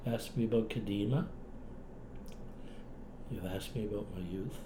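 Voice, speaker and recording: An older, retired man with a Cape Breton accent, reminiscing in a relaxed, talkative, folksy way in conversation. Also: fairly low pitch, unhurried. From Cape Breton, Canada. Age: older, past retirement. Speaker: interviewee, retired clinician and writer. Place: indoors in a home. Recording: roomy echo, faint background noise.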